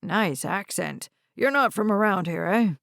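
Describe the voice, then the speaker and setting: A woman voicing a gruff proud old man. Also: mid-range voice, expressive, measured pace, a bit bright, no room sound, studio quality. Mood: folksy.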